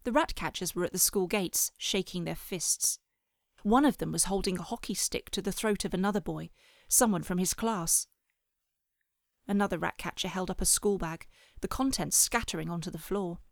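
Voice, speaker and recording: A woman narrating a children's audiobook in a measured storytelling manner with lively phrasing. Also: on the low side, vocal fry, no echo, clean studio sound. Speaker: audiobook reader. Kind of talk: scripted narration.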